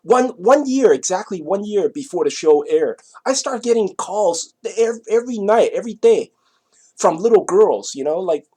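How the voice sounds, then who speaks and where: With a warm tone that is high-pitched, animated and slightly rough, a middle-aged Taiwanese man tells a personal story in a Taiwanese accent. He speaks casually, rambling and hesitating, repeating himself and often asking whether the listener follows.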